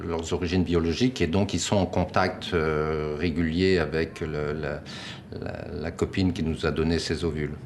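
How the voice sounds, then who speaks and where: A man interviewed as a parent, speaking haltingly with repeated words and pauses. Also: extremely low pitch, fairly even intonation, noisy background. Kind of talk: hesitant interview speech.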